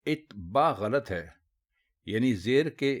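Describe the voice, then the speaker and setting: In a spoken lesson, a low-voiced man teaches Urdu pronunciation word by word. He talks very slowly and deliberately, emphasizing each correct form, and stays patient and instructive the whole way through.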